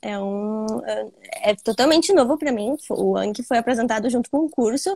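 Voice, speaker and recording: A woman's voice: fairly high pitch, normal speed, vocal fry, a little mellow. A woman student, chatting casually and a bit hesitantly, then speaking with conviction. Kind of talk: casual interview chat.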